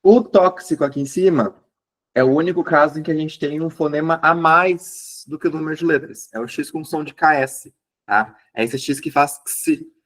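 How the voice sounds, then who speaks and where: A man's voice: fairly high pitch, moderate pace, fairly bright tone. A male teacher, giving an exam review lesson and checking in with listeners as he explains. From southern Brazil.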